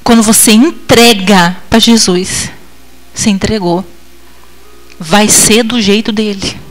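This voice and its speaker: A woman missionary preaching a testimony sermon, emotional, with dramatic swings in pitch and loudness, acting out her own past replies. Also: fairly even intonation, slow pace, faint music behind, rough recording.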